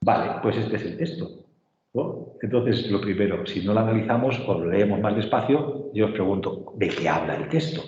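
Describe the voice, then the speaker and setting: A man's voice: fairly low pitch, brisk, hardly any pauses, a little mellow, a little hiss or hum. A man teaching literature in an online class, patiently explaining and often checking that students follow. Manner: patient, checks understanding with frequent tag questions. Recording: echoey, roomy, dull sound.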